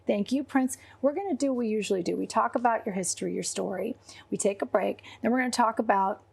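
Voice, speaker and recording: Higher-voiced lady hosting a podcast in a tv studio, excited, chatty. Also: quick pace, vocal fry, breathy edge. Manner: upbeat, enthusiastic, chatty. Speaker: podcast host.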